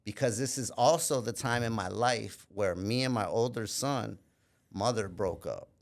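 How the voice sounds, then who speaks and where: With a lowish, creaky voice, a man from Minneapolis, USA, shares his life story as a podcast guest. The interview is casual, and he's candid and reflective, sprinkling in "you know" and breaking off mid-thought to start again.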